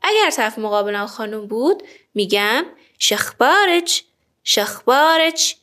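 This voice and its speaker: A woman teaching a spoken language lesson, saying each phrase and then repeating it slowly and clearly. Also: fairly high pitch, lively intonation, a bit bright.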